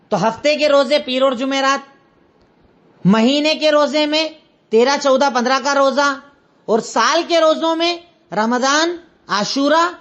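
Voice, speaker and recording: A woman with an Indian Urdu accent teaching an Islamic lesson, explaining step by step and repeating her references. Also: high voice. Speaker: religious teacher.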